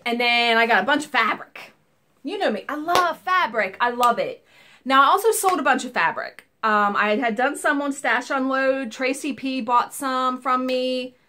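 A woman in her thirties gives a casual cross-stitch haul show-and-tell, speaking at normal speed in a high-pitched, sharp voice. She's chatty and excited, wandering into asides, filmed on a webcam in her small home craft room.

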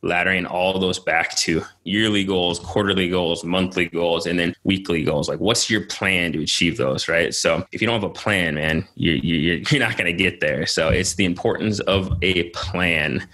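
Male podcast co-host, low pitch, bright forceful tone, casual slangy chat. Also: normal speed, hardly any pauses. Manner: informal, slangy, often addressing his co-host as man and dude.

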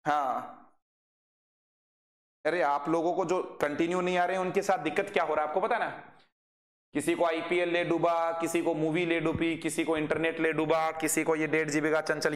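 An English vocabulary teacher with an Indian accent leads a live online class. His voice sits a little high and stays narrow in pitch. He keeps drilling students with quick questions, and the room gives his voice an echo.

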